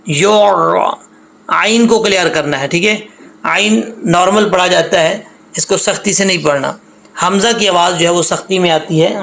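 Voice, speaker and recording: A man teaching Quran recitation step by step. He patiently corrects common mistakes and spells out letters, drawing the sounds out slowly. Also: sits high, a bit bright. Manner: spells out letters and drags out sounds in slow demonstration.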